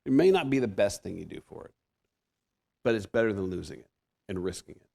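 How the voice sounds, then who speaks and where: Warm and on the low side, this man's voice swings widely in pitch, moves briskly and shows vocal fry. He is a guest preacher in his fifties with a Pacific Northwest American accent, delivering a chatty, self-deprecating sermon in a church sanctuary and often restarting sentences.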